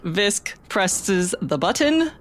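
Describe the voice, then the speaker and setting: A woman's voice: mid-range voice, sing-song, slow pace. A woman playing a tabletop game casually, joking and self-mocking. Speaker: player.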